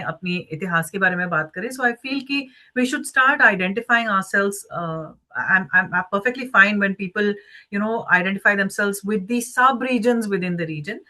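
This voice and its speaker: A woman's voice: mid-range voice, pushed and bright. A woman from Jammu with an Indian accent, explaining things earnestly and articulately in an interview, switching between two languages. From Jammu region, India. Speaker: interview guest.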